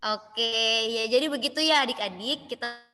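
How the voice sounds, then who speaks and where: A woman's voice: on the high side, normal speed, bright, forceful tone. A young woman student talking cheerfully to children over a video call, her voice fading and cutting out on a bad connection. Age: young adult. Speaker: student presenter and moderator. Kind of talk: friendly presentation to children.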